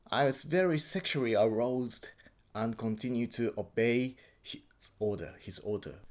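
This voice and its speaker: A man from Japan with a Japanese accent gives a personal account in halting English, often repeating and correcting words. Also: fairly low pitch. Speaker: interviewee.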